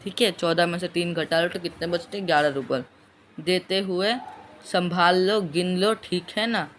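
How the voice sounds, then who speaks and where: Stern, forceful employer voiced by a male teacher, loud and pitched a touch high, in a classroom story reading. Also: fairly even intonation, normal speed, a little hiss or hum. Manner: louder, raised, emphatic delivery. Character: stern male employer, mocking then lecturing.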